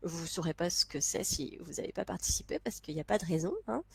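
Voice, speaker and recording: A young woman vlogger chats casually to camera in a lowish, quick, gravelly and husky voice, stuffy and congested from a cold. She laughs a lot and keeps restarting her sentences. The recording is dry.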